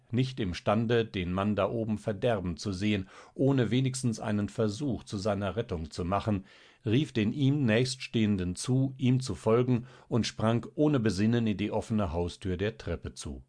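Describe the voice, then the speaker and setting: Guy reading an old novel aloud, lowish voice, steady audiobook narration. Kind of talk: scripted literary narration.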